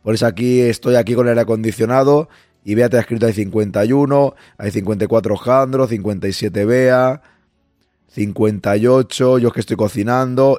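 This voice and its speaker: A man, hoarse and losing his voice, hosting a live-stream podcast and chatting casually, greeting listeners and reading their messages aloud. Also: mid-range voice, a little fast, darkish tone, no echo, studio quality, faint music behind.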